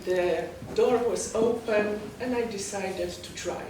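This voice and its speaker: A woman from Poland with a Polish accent and halting non-native English, talking about herself as an interview guest. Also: mid-range voice, darkish tone. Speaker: guest, poet and novelist. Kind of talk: interview, personal account. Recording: very echoey, distant mic, noisy background.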